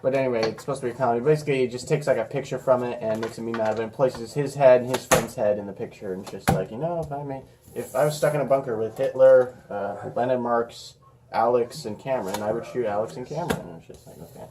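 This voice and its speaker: A man in rambling, slangy casual chat, quick to laugh. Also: medium pitch, background noise. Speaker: card game player.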